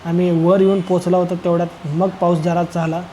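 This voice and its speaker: A young travel vlogger from Solapur, Maharashtra, narrates a casual voice-over in a rambling, joking way, calling his viewers friends. His voice is high and dark-toned with little pitch movement and a slightly fast pace. The rough recording has slight background noise.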